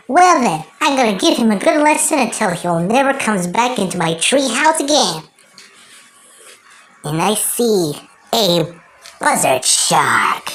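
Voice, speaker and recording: An amateur performer voicing a mischievous, excitable cartoon woodpecker, rambling and exclaiming with drawn-out words. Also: medium pitch. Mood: scheming. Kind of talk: amateur cartoon character impression.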